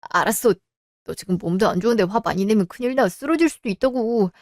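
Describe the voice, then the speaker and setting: A woman's voice: mid-range voice, fast, darkish tone, no room sound, clean studio sound, lightly acted. A woman voicing a cheating husband who makes excuses and begs, in a radio drama. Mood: defensive. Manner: wheedling, excuses. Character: cheating husband, evasive and pleading.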